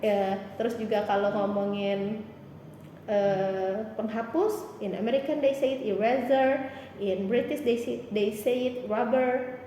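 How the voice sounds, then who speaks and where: A woman English teacher with a Palembang accent, giving encouraging, animated answers in an interview. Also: a little high, slow, a little hiss or hum. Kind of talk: explanatory interview answers mixing Indonesian and English. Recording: echoey hall.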